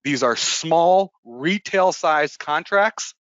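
A man giving an emphatic, energetic webinar presentation as a trading educator, with frequent fillers. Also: fairly high pitch, takes it slowly, no echo. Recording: dull, dry lo-fi webinar audio.

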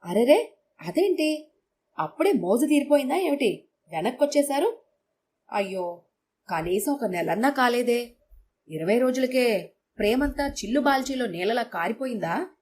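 A woman's voice: a little high, big pitch swings, moderate pace, long pauses, darkish tone, a little hiss or hum, voice pushed up. A woman voicing a scornful wife who mocks her returning husband with sarcasm. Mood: mocking. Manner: sarcastic, taunting.

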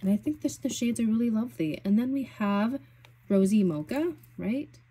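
A young woman vlogging about beauty products in a casual, gushing, chatty way, full of fillers and excitement. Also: on the high side, moderate pace, slightly rough. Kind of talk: casual product swatching chat.

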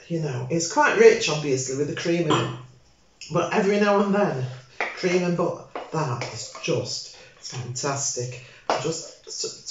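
A woman's voice: on the low side, a little hiss or hum. Chatty older woman in an echoey room. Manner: chatty, rambling, self-correcting. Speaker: home cooking host. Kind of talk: casual cooking demonstration. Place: home dining room, indoors. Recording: very echoey room, dull lo-fi sound.

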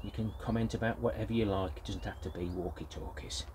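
Against a noisy background, a grandfather-aged British man talks quickly in a lowish, steady voice. The gardening vlogger reviews a product casually and without a script, hesitating and rambling as he goes.

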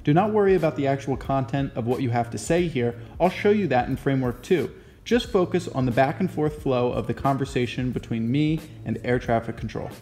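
An American man in his twenties, a student pilot, explains a tutorial to camera from his living room in a medium-pitched, slightly mellow voice at a somewhat quick pace. The recording sounds roomy, echoey and distant, with faint noise.

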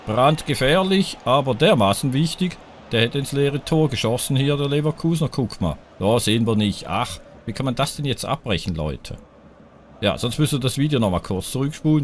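A man commenting his football video game as he plays, his pitch leaping up and dropping down as the play swings back and forth. He reacts loudly to near misses and speaks straight to his viewers. A faint hiss sits under the voice. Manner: excitable, groans and cheers at each chance, talks to viewers. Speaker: gaming YouTuber playing a football video game. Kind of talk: live let's-play commentary.

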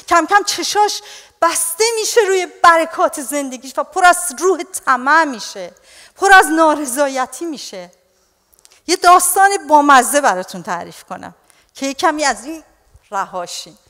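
A woman pastor preaching an animated sermon, her voice high and bright in pitch. She keeps addressing the congregation warmly as dear ones, and the sound carries the long reverb of a church hall.

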